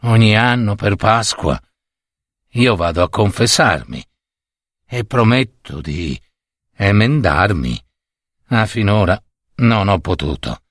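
A man reading a story aloud, voicing a sly, toothless old servant who grumbles in a low, muttering voice. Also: no room sound, studio quality.

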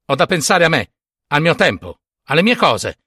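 A man's voice: fairly high pitch, big pitch swings, moderate pace, bright, forceful tone, slightly rough, dry recording, exaggerated voice. Brief: haughty female goddess of the hunt, curt and proud, as a male storyteller puts her on, close dry sound.

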